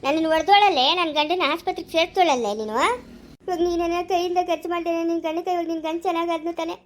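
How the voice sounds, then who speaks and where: A woman's voice: very high-pitched, very fast, slight background noise. A scornful younger sister, acted by a woman, speaking. She sounds taunting and cutting in a homemade village family drama. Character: scornful younger sister taking revenge on her sister.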